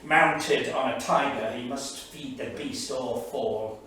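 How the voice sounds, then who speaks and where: In a small theatre studio, a man gives a staged reading of a dramatised diary, voicing an anguished, scornful middle-aged English writer and war veteran. His medium-pitched, sharp voice moves slowly in sardonic, emphatic literary declamation, with a grave, reflective mood. The sound is heavily reverberant and echoey, with a distant, off-mic pickup and faint noise.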